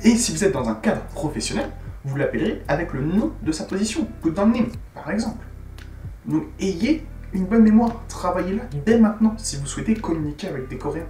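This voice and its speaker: A man hosting a casual educational vlog on learning a language, animated and expressive, swinging from loud exclaiming to muttered asides. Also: high-pitched, brisk. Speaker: YouTuber teaching Korean. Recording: echoey room, distant mic, faint music.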